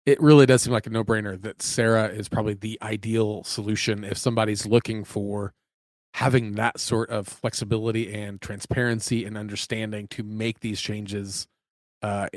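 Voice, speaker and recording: A man's voice: fairly low pitch, no room sound. A man hosting a business interview, asking questions enthusiastically and with many fillers. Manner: enthusiastic, agreeing, filler-heavy. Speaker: podcast host.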